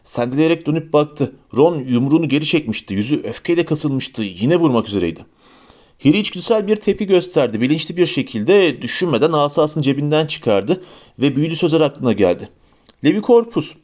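A man with a somewhat high voice reads a fantasy novel aloud as an audiobook narrator. His storytelling is steady and even, and it carries the narration from scene to scene. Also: a little fast.

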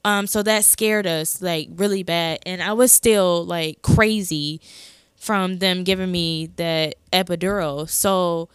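A woman's voice: fairly low pitch, steady tone, slow, smooth, no echo. A young woman hosting a podcast, telling a personal story in a casual, chatty way with lots of fillers. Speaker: podcast host. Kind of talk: casual chat.

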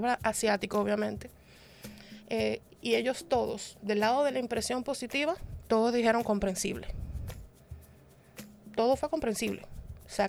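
A woman with a gravelly, creaky edge to her voice talks through her points on a discussion panel. She explains at length, building each idea and often checking in with the listener along the way. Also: mid-range voice, a little mellow, slight background noise. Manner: explanatory, reasoning aloud with frequent tag questions. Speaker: panel guest.

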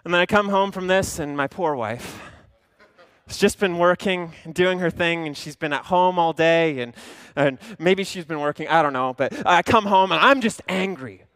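Man, lead pastor, young adult, sermon storytelling, high voice, dry close sound. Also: moderate pace, clear, resonant tone, dry recording. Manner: acts out his own inner voice, swinging from mutters to loud outbursts.

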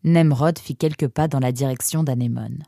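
A woman narrating an audiobook in an expressive storytelling manner. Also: very deep voice, moderate pace, vocal fry, no echo, clean studio sound.

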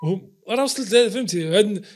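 A man's voice: high voice, animated, racing, slight background noise. A man with a Moroccan Arabic accent telling personal stories casually as an interview guest, acting out the dialogue he quotes. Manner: acts out quoted dialogue, swears oaths for emphasis. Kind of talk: casual, animated personal storytelling.

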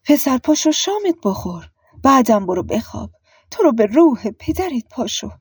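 A woman's voice: mid-range voice, slightly rough, no room sound, clean studio sound. A woman voicing a stern older aunt who talks sharply and scolds. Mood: scolding.

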